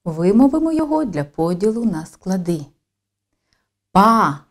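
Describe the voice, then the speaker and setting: A woman teacher narrating a lesson in a slow, careful, deliberate way. Her voice is mellow and soft-edged, and her pitch moves freely up and down as she stresses each step. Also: sing-song.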